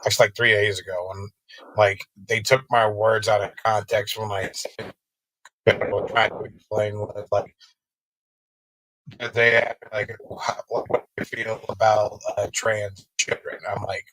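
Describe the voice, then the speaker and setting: A man talking in halting, filler-heavy casual chat while his online connection keeps breaking up. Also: lowish voice, flat delivery, fairly bright tone, no room sound, low-quality recording. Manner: halting, full of fillers and restarts. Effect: breaking up over a bad online connection. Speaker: guest on a live stream.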